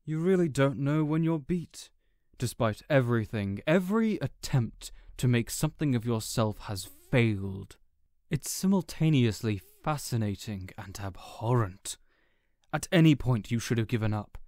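In an audio roleplay, a man voices a smug, contemptuous supervillain gloating over a beaten rival, monologuing theatrically in a deliberate, condescending, scornful tone. His medium-pitched voice is animated, a little mellow and close to everyday speech, captured as clean studio sound with no room sound.

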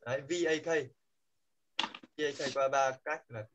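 A man with a Vietnamese accent leads an English pronunciation lesson in a classroom. He coaxes his students and calls out words loudly for them to repeat. There is a faint hiss of noise behind his voice. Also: medium pitch, fairly even intonation, normal speed, dull audio. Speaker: English teacher.

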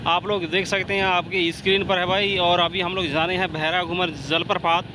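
A young man with a high, light voice gives running commentary while riding a motorbike down country roads. He talks casually and keeps checking in with his viewers, calling them brother. Steady road and engine noise fills the outdoor recording. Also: a little fast. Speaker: motorbike travel vlogger.

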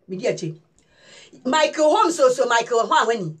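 Woman, from Ghana, news vlogger, emphatic casual commentary, raspy, higher pitch. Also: lively intonation, moderate pace.

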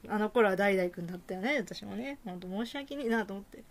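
A woman's voice: mid-range voice, fast talker. A woman giving casual, self-mocking commentary while playing a game. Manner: rough, self-mocking, repeats herself. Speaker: game streamer. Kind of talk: casual live-stream commentary.

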